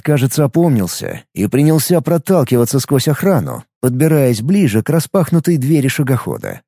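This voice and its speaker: A man narrating an audiobook in an expressive, vivid way, close to the mic. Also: medium pitch, no room sound. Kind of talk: scripted narration.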